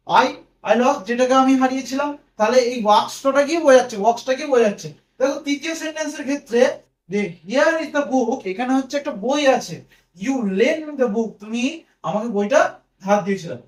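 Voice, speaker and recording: A Bengali-accented man gives a whiteboard grammar lesson in a strikingly high voice. He keeps asking questions, answers them himself and repeats key words. The sound is echoey, as if taken in a bare room. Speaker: English grammar teacher.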